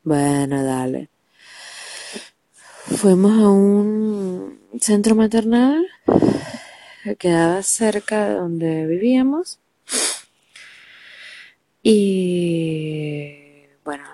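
A woman's voice: on the low side, no echo. Stuffed-up Venezuelan woman telling a story. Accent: Venezuelan Spanish. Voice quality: nasal, stuffed-up. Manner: profane, animated storytelling full of slang. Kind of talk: casual storytime monologue. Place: under a quilt at home.

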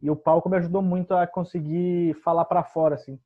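A young man from southern Brazil, a stand-up comedian talking casually and quietly about his path to the stage. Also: fairly high pitch, brisk, phone-quality sound. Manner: relaxed, soft-spoken storyteller. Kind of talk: casual podcast conversation.

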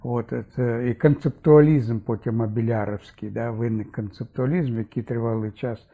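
Gravelly, husky older man lecturing. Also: mid-range voice, steady tone, moderate pace, dark tone. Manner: thoughtful, fond of asides and 'да?' checks. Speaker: philosophy lecturer. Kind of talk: conversational discussion.

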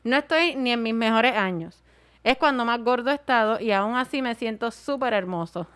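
Lively woman podcast host. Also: fairly high pitch, normal speed. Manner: animated, acts out quoted voices. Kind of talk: casual podcast chat, reading listener messages.

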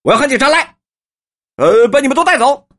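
A woman voicing a pompous young male legislator in a storybook reading, indignant and loud. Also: on the low side, wildly swooping pitch, fast talker, husky, exaggerated voice. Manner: indignant, shouting threats.

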